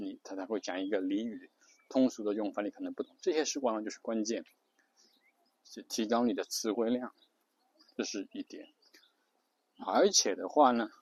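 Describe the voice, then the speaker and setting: A man's voice: medium pitch, darkish tone, breathy edge, dry recording. A man hosting an English-learning show, explaining in a casual spoken lesson and counting off his points one by one. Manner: taps out rhythms with spoken syllables.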